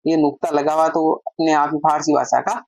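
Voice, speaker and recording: Lower-voiced woman teaching grammar. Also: flat delivery, a little fast, a little mellow, no room sound. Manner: repetitive, asks and answers own questions. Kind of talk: explanatory video lesson.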